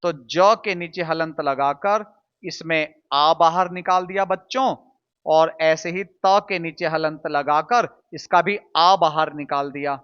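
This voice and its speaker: A man's voice: fairly high pitch, slow, fairly bright tone, clean tone, lo-fi sound. A man teaching a Hindi lesson to students, patiently drilling sounds aloud and answering his own questions. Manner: asks questions and answers them himself.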